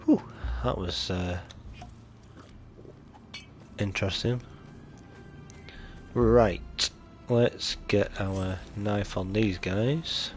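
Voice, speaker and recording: In this live gameplay stream, a British man speaks in a lowish voice, extremely slowly, with long pauses, while faint music plays behind him. He's chatty and welcomes his viewers, though allergies make him sound nasal and chesty.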